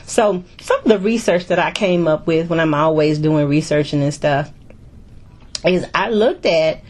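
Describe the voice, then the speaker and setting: A middle-aged woman hosting a casual discussion, chatty and warm, often repeating words as she goes. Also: sits low, a little slow. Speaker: host.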